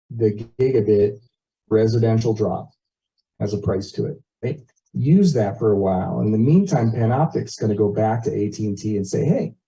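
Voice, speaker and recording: At a community meeting, a resident pitches an internet proposal in a medium-pitched, dark voice. He explains things informally, keeping it conversational and leaning on everyday examples, though the recording is dull and muffled.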